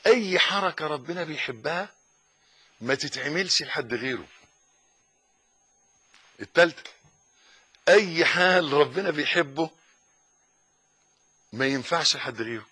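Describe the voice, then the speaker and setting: Man, Egyptian Arabic accent, religious teacher, emphatic, hushed recitations, husky. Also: on the high side, expressive, measured pace, long pauses. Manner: emphatic, wide swings between loud insistence and soft murmured recitation. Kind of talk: religious lesson.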